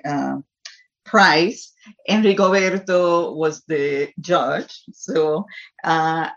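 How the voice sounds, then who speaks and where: A Puerto Rican woman, a native Spanish speaker with a Puerto Rican accent, tells personal stories and reads poetry to an audience. Her voice sits low, and the recording has its highs cut off.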